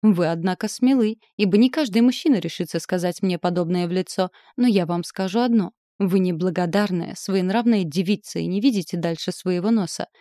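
A woman's voice: on the low side, brisk, hardly any pauses, no room sound, studio quality, natural voice. A woman reading a proud, hot-tempered male suitor. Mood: threatening. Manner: boastful, hoarse, forceful declarations. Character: passionate, arrogant young male suitor, turning menacing. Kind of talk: audiobook character reading.

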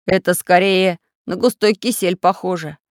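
A woman voicing a brave little iron craftsman who talks loudly and eagerly. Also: fairly low pitch, steady tone, normal speed, dry recording, studio quality, close to an everyday voice. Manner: loud and eager.

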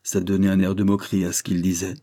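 A man's voice: deep voice, completely flat delivery, fast talker, mellow. A man reading aloud voices a flustered, deferential butler in a Victorian audiobook, talking in an apologetic, eager manner.

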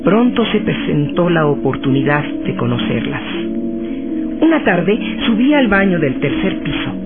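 Actress as a lively, curious skeptical woman. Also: lowish voice, unhurried. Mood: suspenseful narration. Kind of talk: radio horror drama acting. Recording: tinny narrowband radio drama with music.

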